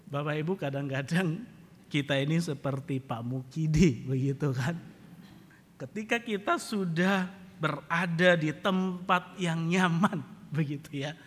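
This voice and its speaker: Pastor guy preaching, bright high voice, lots of hall reverb, funny storytelling. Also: unhurried. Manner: storytelling, humorous, rising to emphatic preaching. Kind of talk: sermon. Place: church.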